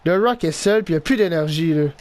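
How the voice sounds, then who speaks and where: A young man with a Québécois French accent giving excitable live commentary over his own hockey video game, swinging between groans and shouts. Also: on the high side, brisk. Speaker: gaming YouTuber.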